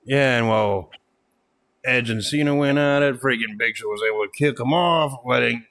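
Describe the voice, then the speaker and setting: A man's voice: medium pitch, moderate pace, fairly bright tone. A man casually reviewing a wrestling event, rambling with lots of fillers and frequent laughs. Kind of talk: casual podcast chat.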